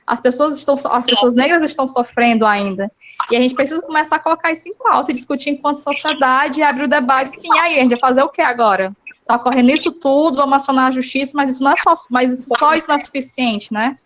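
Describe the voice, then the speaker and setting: A woman's voice: high voice, fast talker, fairly bright tone, slight background noise. A woman hosting a casual panel chat, earnest and steering the conversation, often checking in with "né?". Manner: earnest, guiding the talk, frequent "né?". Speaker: podcast host.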